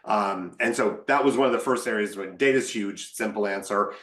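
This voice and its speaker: A man's voice: lowish voice, normal speed, fairly bright tone, reverberant. A man, a marketing executive, answering on a webinar panel in a candid, wry way, thinking aloud.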